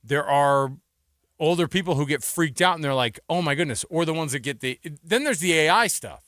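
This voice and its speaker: A male radio host with a bright, forceful voice and a slightly raised pitch, chatting about everyday life. He is animated and keeps sliding into quick impressions as he tells anecdotes. The sound is close and dry, straight from a studio mic. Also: no room sound. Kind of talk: casual radio chat.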